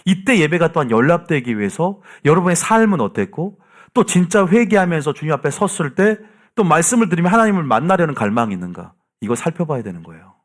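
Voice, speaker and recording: Male pastor at the pulpit, fairly high voice with a wide, lively pitch range, emphatic preaching with soft asides and loud climbs. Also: quick pace. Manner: asks the congregation "믿습니까?" again and again. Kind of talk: sermon. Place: church sanctuary, from the pulpit.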